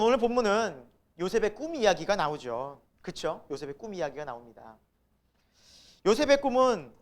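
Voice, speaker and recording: A male pastor giving a sermon in a church, talking in an animated way, acting out the people he quotes and laughing often. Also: a little high. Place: church sanctuary.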